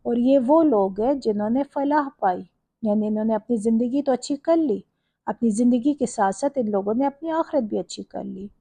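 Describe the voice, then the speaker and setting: A woman's voice: a little high, dark tone, breathy edge, no echo. A woman giving a Quran commentary lecture, explaining verse by verse with small stumbles. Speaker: religious lecturer.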